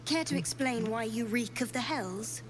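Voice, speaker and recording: Brief: actress as a scornful game villainess, sneering and haughty, voice a touch high, game audio with loud crowd. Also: female voice, normal speed, natural voice. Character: scornful young devilish woman in a fantasy game.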